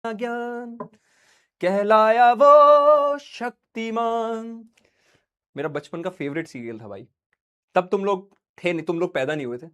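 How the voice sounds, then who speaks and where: A man's voice: a little high, animated, quick pace, a little mellow. A male teacher giving a casual, joking lecture, chatty and full of asides and questions to the class. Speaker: online teacher.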